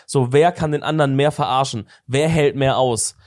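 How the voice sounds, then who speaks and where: A man's voice: mid-range voice, normal speed, a little mellow, no echo, clean studio sound. A young man co-hosting a podcast in casual chat, slangy and swearing as he tells stories with animation. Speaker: podcast co-host.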